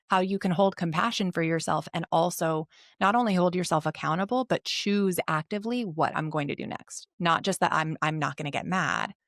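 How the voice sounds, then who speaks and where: A woman's voice: deep voice, fairly bright tone, dry recording, studio quality. A woman in her thirties, a mental health coach, speaking candidly and earnestly in a podcast interview and swearing often. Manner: reflective, earnest.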